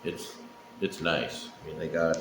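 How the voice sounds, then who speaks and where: A middle-aged man chatting casually and unhurriedly on his own, rambling with pauses and the odd swear word. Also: a bass voice, monotone, vocal fry. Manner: laid-back, profane, unhurried with frequent pauses. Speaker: pipe-smoking vlogger. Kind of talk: casual rambling solo chat. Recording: echoey room, faint background noise.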